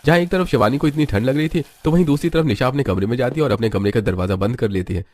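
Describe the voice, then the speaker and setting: Brisk male storybook narrator. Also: mid-range voice, darkish tone, a little hiss or hum.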